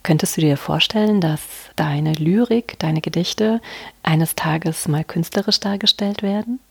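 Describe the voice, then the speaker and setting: A woman's voice: lowish voice, a little slow, gravelly, husky, no echo. A woman hosting a podcast interview, asking curious, encouraging questions. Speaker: podcast host. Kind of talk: casual interview.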